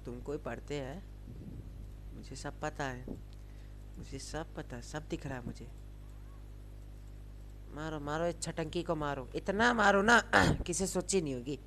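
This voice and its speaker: Young woman, low voice, teasing bossy gaming banter, faint hiss. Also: measured pace, pauses often, a bit bright. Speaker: gamer host. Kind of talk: casual gaming chat.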